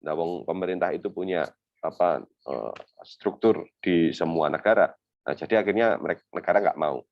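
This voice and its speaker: With a low, creaky, animated voice at a moderate pace, a young man lectures in an academic webinar about refugee law. The recording is dry, coming through as dull lo-fi video call audio. He keeps things conversational, leaning on fillers and made-up scenarios.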